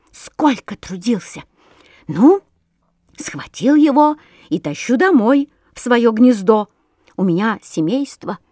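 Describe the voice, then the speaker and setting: A woman voicing a hot-tempered male sparrow, a family bird who shouts indignant, rapid outbursts. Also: fairly high pitch, no echo, clean studio sound, exaggerated voice. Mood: furious.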